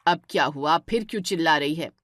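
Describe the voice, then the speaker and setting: A woman's voice: sits low, brisk, dry recording, studio quality. A woman doing a stern scolding mother-in-law. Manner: scolding, sharp questions.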